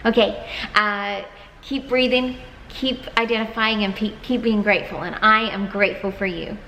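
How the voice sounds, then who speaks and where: A woman's voice: mid-range voice, fairly even intonation, normal speed, bright, forceful tone, slight background noise. A woman giving casual, earnest advice to camera as a wellness vlogger, acting out quoted inner voices. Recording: echoey room with long reverb.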